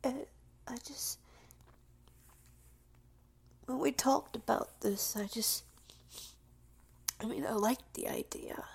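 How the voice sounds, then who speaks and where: Here the same tearful, clingy, submissive lover comes through a woman's breathy, creaky whisper, broken into halting phrases she keeps repeating. It's an intimate audio roleplay, delivered in a high-leaning, slightly mellow, exaggerated voice, and she comes across as shaken and on the verge of tears.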